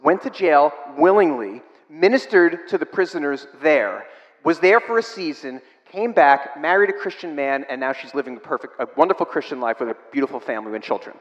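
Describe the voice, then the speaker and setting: A man preaching a sermon, telling stories that rise to emphatic, excited bursts and then drop to hushed, soft passages. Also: on the high side, a little fast, big-room sound, highs cut off. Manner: storytelling, rising to emphatic bursts, dropping to soft near-whispers.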